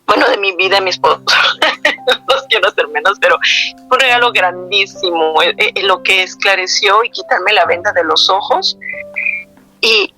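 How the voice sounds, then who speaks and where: A woman shares a personal faith testimony in an earnest, heartfelt way, stumbling and restarting as she goes. Her voice is bright and ringing, at an ordinary pitch for a woman. Soft music plays faintly in the background. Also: very animated, normal speed. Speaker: guest giving a testimony.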